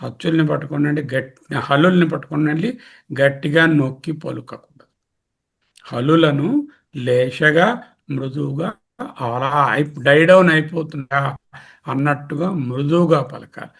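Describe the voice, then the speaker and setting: A man's voice: fairly high pitch, unhurried, gravelly, long pauses, fairly bright tone, husky. A man giving a patient scripture lecture, explaining terms one by one and repeating key words. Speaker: teacher of scripture.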